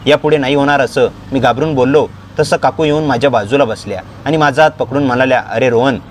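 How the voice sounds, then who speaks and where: A man narrating a first-person story with steady, plain reading. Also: mid-range voice, quick pace, slight background noise.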